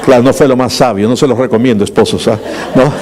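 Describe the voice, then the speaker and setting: A man's voice: mid-range voice, fast talker, a little mellow. A middle-aged male pastor delivering a sermon in a conversational way, with humorous asides and frequent rhetorical questions.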